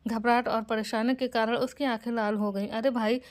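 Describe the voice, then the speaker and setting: A woman's voice: on the high side, flat delivery, fairly quick. A woman reading out a scripted family story as narrator, voicing every character's lines in her own voice.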